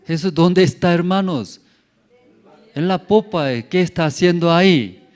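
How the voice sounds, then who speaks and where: A male pastor preaching a sermon in a church, full of rhetorical questions and repeated words, rising to loud calls and dropping to near murmurs, with some non-native grammar. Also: high voice, a little slow.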